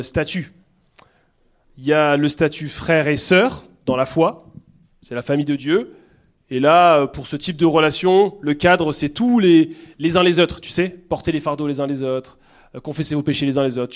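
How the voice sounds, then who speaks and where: Earnest man with a southern French accent. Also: on the high side. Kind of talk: conversational teaching talk.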